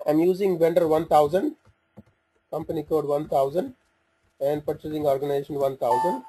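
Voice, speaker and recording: In a low-quality voice-over for a screen recording, a man demonstrates software, talking through each step informally and haltingly as he works the screen. His voice is soft and mellow with a somewhat raspy edge, pitched a little above average, and his tone stays steady.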